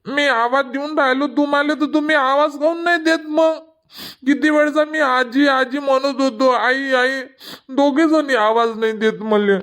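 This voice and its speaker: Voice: high-pitched, steady tone, a little slow, a bit bright. An actor voicing a whiny little cartoon boy with a Vidarbha accent. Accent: Vidarbha Marathi. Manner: whining, sulky complaints. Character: sulky whiny little village boy, grandson. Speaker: grandson. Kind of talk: cartoon comedy voice acting.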